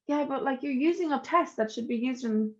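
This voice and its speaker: As a guest on a podcast, a young Irish woman swaps personal stories in a relaxed, informal manner, laughing readily. She speaks fairly quickly in a high-pitched voice, with the top frequencies cut off.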